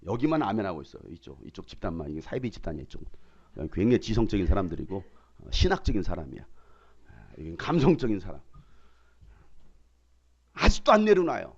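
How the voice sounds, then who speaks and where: A man preaching a sermon as pastor, emphatic, swinging between loud bursts and quiet asides, acting out quoted voices. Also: mid-range voice, highs cut off. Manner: acts out quoted dialogue in changed voices.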